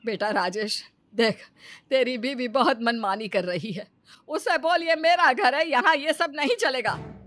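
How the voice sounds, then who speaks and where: A woman voicing a bossy, sharp-tongued middle-aged mother-in-law in a cartoon story, scolding and taunting. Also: sits high, a little slow, no room sound.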